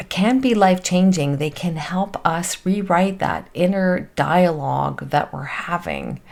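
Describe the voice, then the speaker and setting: A woman hosting a motivational self-help podcast, talking in an encouraging, earnest, conversational way like a self-help influencer and life coach. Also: fairly low pitch.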